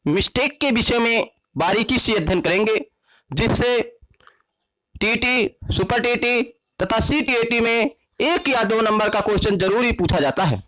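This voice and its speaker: A man teaching an online grammar lesson. He repeats key points and often asks a question, then answers it slowly. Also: extremely high pitch, a bit bright.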